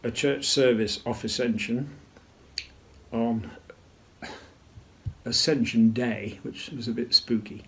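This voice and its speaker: An older man tells his story in an interview, unhurried and measured. His voice is gravelly and sits at a middle pitch, and he clears his throat often as he talks. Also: fairly even intonation. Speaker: retired naval officer interviewee. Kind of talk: interview recollection.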